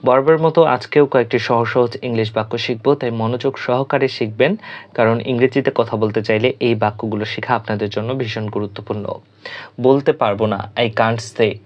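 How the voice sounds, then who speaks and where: A man with a Bangladeshi Bengali accent leads an online spoken English class, giving each phrase a clear, teacherly delivery and saying it twice. His voice sits in a middle pitch. The audio is a little dull and lo-fi. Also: fairly even intonation. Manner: clear instructive delivery, repeats phrases slowly. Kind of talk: scripted lesson narration.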